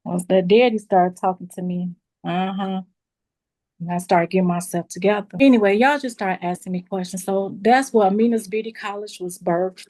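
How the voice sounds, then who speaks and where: A woman's voice: medium pitch, moderate pace. A woman who owns a beauty school, telling her story with feeling, talking straight to the group as y'all. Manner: animated storytelling, addresses listeners as y'all. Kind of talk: emotional testimonial storytelling.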